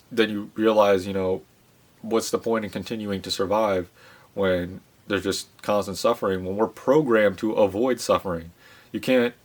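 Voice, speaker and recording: A man giving a casual monologue to his audience, speaking in a subdued, reflective way with many pauses, fillers and restarts. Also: fairly low pitch. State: subdued, low-spirited. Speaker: channel host.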